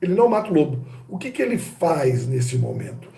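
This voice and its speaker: Male lecturer, Brazilian Portuguese accent, slightly high, warm tone, theatrical questioning style, echoey room. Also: brisk, gravelly. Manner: rhetorical questions to the audience, lively and theatrical. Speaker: teacher.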